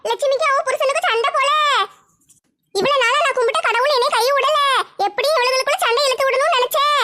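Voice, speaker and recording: A woman's voice: extremely high pitch, fast talker, background noise, voice pushed up. A woman voicing a scheming village gossip who is gleeful about a family quarrel. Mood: gloating.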